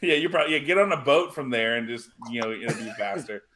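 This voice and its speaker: A man's voice: medium pitch, expressive, quick pace, crowd noise. A man co-hosting a wrestling podcast, rambling and full of fillers in casual chat. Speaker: podcast co-host.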